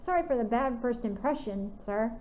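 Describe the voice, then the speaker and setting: A woman's voice: fairly high pitch, lively intonation, moderate pace, slight background noise, lightly acted. A woman voicing a bashful younger boy wolf walker fumbling an apology, on tinny phone-like audio.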